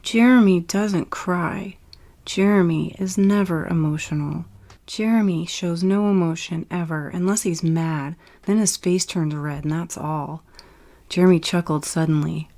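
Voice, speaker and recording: A woman's voice: fairly low pitch, steady tone, normal speed, warm tone. Woman casually reading a sci-fi story. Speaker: narrator.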